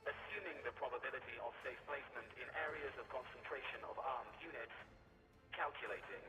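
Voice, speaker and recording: A man voicing a booming metallic robot sentinel through a robot filter, giving flat, clipped machine announcements. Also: a little fast. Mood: clinical. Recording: roomy echo, clear game music behind.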